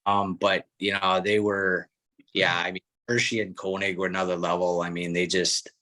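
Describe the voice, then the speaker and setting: Male podcast guest, low voice, relaxed storyteller. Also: moderate pace. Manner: relaxed storytelling with frequent restarts. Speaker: guest, former hockey player and coach. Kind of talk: casual podcast chat.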